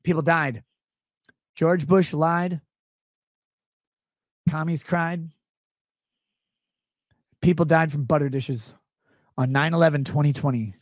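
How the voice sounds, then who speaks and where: Male streamer, 30s, high and bouncy delivery, sarcastic tangents, dry close-mic sound. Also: fairly even intonation, slow, long pauses, dry recording. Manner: sarcastic, rambling, jumps between voices. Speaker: streamer host. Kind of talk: comedic live-stream rant. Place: small home studio room, indoors. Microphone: close studio mic on stand.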